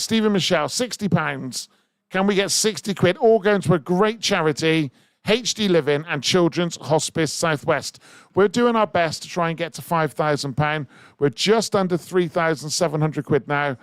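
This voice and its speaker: Recorded without echo in a radio studio, a man with a high-sitting voice hosts a live charity auction. He eagerly urges listeners to bid, growing more excited as he goes.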